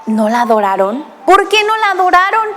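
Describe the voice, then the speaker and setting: A woman's voice: sits high, sing-song, normal speed, a bit bright, slight background noise. A woman voicing an angry, demanding ancient king while telling a Bible story to children, sounding commanding and impatient.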